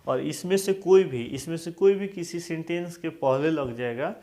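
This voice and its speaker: A man's voice: on the high side, normal speed, mellow. A male English grammar teacher with a Hindi accent, giving a classroom-style lesson and repeatedly asking questions so students answer aloud.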